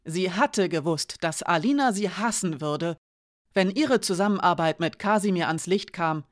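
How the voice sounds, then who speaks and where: A woman narrating a novel in a calm, measured reading voice. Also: fairly low pitch, no echo, studio quality. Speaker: audiobook narrator. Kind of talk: scripted narration.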